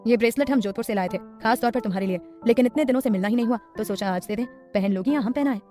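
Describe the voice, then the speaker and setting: A woman voicing an intense, protective adult man in an audiobook, calm, tender and firm. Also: a little high, very fast, faint music behind, lightly acted. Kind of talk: audiobook character voice.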